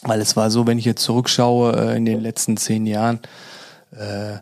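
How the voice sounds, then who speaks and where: A man's voice: fairly low pitch, monotone, moderate pace, a little mellow, no echo, studio quality. A man tells a personal story as a podcast guest, informal, with many fillers and acted-out quoted dialogue.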